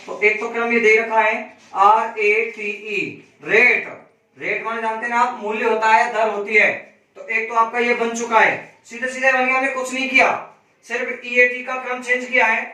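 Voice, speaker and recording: A man teaching a reasoning class, spelling out letters slowly and asking students questions he then answers himself. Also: very high voice, monotone, sharp tone, recorded from a distance. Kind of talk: classroom lesson. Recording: echoey room, voice from off-mic.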